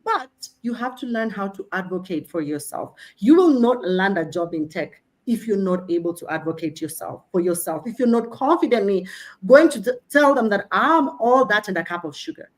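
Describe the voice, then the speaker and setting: A Kenyan career coach, a woman with a Kenyan accent, speaks emphatically and animatedly on a panel, preaching self-promotion with humor. Her voice is mid-range at a normal speed.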